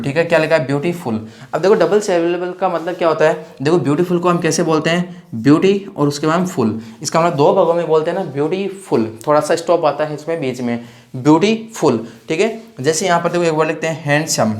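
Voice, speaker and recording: A man teaching an exam-prep grammar lesson, repeating each point and often checking in with his students. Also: a little high. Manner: repetitive, checks in with "theek hai na" constantly; spells words out letter by letter. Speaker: English teacher.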